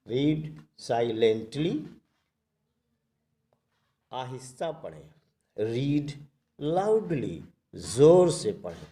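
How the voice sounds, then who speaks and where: Male English teacher, very slow and careful, mellow dark tone, spells words out. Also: medium pitch. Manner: says English phrases very slowly, then explains in Hindi; calm, even speaking voice. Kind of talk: spoken English lesson.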